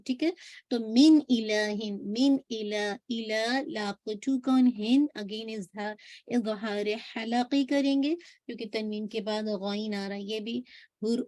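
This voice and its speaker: A woman with a Pakistani Urdu accent teaching Quran recitation rules, modeling words slowly and explaining each rule. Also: a little high, a little mellow, dry recording. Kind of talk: tajweed class over audio call.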